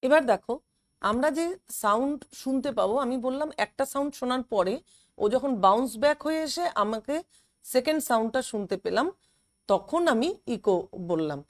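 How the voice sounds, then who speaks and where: A woman's voice: fairly high pitch, animated, brisk. A woman teacher explaining a physics lesson step by step, with many fillers and English terms. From West Bengal, India.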